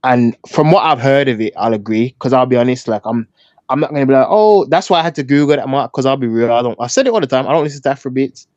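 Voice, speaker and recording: A man's voice: mid-range voice, fast talker, darkish tone, no echo. A man, co-hosting a podcast and giving his candid opinions in a casual chat. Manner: candid, chatty, talks through his opinions. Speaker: podcast co-host. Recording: dull, slightly lo-fi dry sound.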